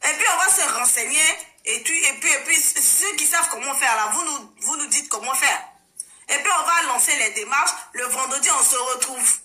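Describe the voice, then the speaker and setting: A woman's voice: high voice, expressive, normal speed, bright, forceful tone. A woman from Togo with a Togolese French accent, talking casually and emphatically on her live stream, rallying people and repeating phrases. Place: living in Germany. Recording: roomy echo.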